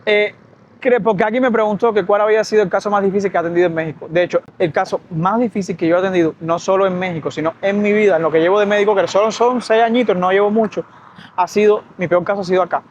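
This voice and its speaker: A young Cuban-accented man races through a storytime vlog in a high, bright voice. He talks while walking outside near a street, with faint traffic in the background. The sound is slightly dull. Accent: Cuban Spanish. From Cuba. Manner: fast, lively storytelling. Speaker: doctor and vlogger.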